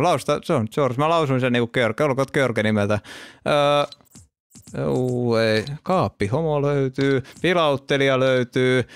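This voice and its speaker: Man, casual gaming commentary, offhand listing, smooth clear voice, dry close sound. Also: medium pitch, no room sound. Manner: offhand, listing items with quick asides. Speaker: gamer showing his skin collection.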